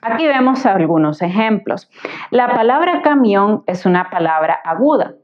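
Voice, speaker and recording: A woman tutor giving a patient, explanatory grammar lesson, slowly sounding out words syllable by syllable. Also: mid-range voice. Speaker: Spanish tutor. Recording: slightly dull lo-fi recording.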